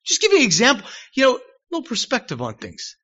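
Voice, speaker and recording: A middle-aged man preaching a sermon in church, animated and self-deprecating, acting out shouted quotes. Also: very high voice, quick pace. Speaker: pastor. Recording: dull lo-fi recording.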